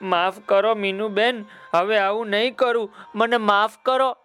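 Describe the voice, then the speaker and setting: Man doing a chatty little slipper, high, pleading, storybook style. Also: fairly even intonation, unhurried, a bit bright, clear, resonant tone, faint music behind. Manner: pleading, coaxing. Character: chatty little girl's slipper, restless and eager.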